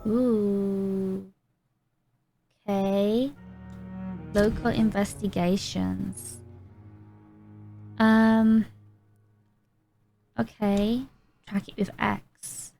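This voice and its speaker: A woman's voice: medium pitch, little pitch movement, drawn-out words, vocal fry, long pauses, warm tone, soft background music, low-quality recording. A woman vtuber giving casual, playful gaming commentary and chatting to herself. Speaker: vtuber streamer.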